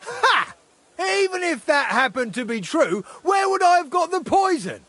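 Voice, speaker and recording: A hot-tempered, mustached corporal in a video game. He curses defiantly in a very high, sharp, husky voice that swings wildly in pitch, recorded dry and close. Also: very animated, moderate pace, no echo, exaggerated voice. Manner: defiant, cursing.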